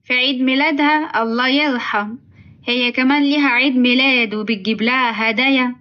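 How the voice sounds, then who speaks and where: Lady reading a snooty mean older mom-in-law, egyptian accent, quick and a bit high, dull sound. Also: steady tone, lightly acted. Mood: scornful. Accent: Egyptian Arabic. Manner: scornful, mocking. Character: sharp-tongued greedy older mother-in-law.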